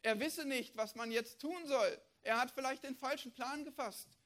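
A male preacher delivering a sermon with strong conviction. He fires off rhetorical questions, then drops to a quiet, intense tone before rising again. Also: very high voice, normal speed. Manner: emphatic, fires off rhetorical questions, swings between loud and hushed.

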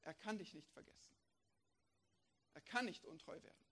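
A man's voice: high-pitched, normal speed. Emphatic male preacher with rhetorical questions. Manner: emphatic, fires off rhetorical questions, swings between loud and hushed. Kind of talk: sermon.

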